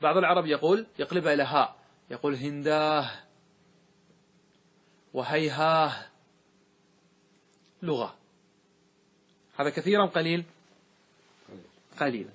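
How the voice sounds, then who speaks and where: A man teaching a grammar lesson to a class. He recites verse slowly, asks questions and answers them himself. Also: a little high, slightly rough. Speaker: sheikh teaching Arabic grammar.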